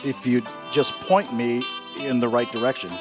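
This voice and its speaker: An actor playing a folksy, excitable, bumbling uncle in his fifties in a radio play. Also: mid-range voice, moderate pace, over music, natural voice. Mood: tipsy, merry. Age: 50s. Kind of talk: live radio play acting.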